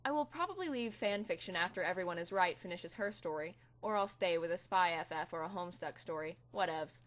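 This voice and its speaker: A woman's voice: lowish voice, lively intonation, brisk. Woman giving a dramatic story reading. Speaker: host reading fan fiction aloud. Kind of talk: dramatic reading of comic fan fiction.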